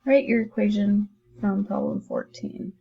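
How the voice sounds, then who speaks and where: Woman math teacher, recorded online lesson: gravelly, husky voice, chatty and encouraging, dull lo-fi recording. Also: mid-range voice, measured pace. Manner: chatty, encouraging, thinks aloud while writing.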